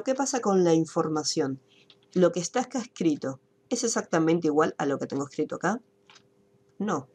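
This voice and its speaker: Online class teacher, woman, mellow husky voice, patient step-by-step explainer. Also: on the low side. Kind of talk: online spreadsheet lesson. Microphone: computer mic on a video call.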